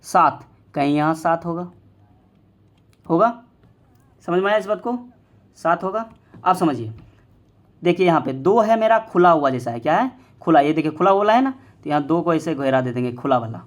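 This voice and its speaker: Man, higher voice; playful teasing math teacher who drills by repetition. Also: expressive, normal speed, pauses often. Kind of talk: online classroom lesson.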